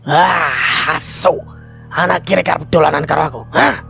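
A man voicing a possessed young girl whose spirit rants in a high, shouting, taunting voice. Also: a little slow, gravelly, faint music behind.

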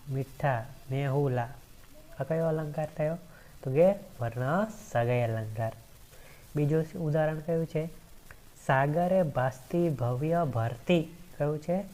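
A woman teaching a grammar lesson for exam preparation, asking questions and answering them herself and repeating each example slowly. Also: low voice, dark tone.

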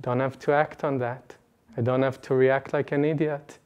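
A man gives an earnest, animated personal talk to a retreat audience, speaking into a lapel mic in an indoor meeting room. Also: medium pitch, moderate pace, clear, resonant tone. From Israel. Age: late 20s. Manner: earnest, animated, gestures broadly, laughs between points.

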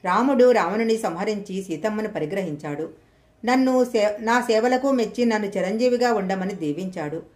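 An ancient monkey demigod, tired and wise, talking slow and patient, as a woman reads him out in a storybook tale. the voice stays in an even middle pitch, close to her own. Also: close to an everyday voice. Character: old male monkey demigod, weary and wise.

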